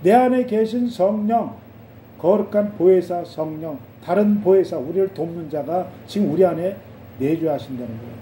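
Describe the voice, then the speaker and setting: A man's voice: high-pitched, moderate pace, warm tone, roomy sound, distant mic, a little hiss or hum, low-quality recording. A male pastor preaching a sermon in a church, talking casually with rhetorical questions and acted-out quotes.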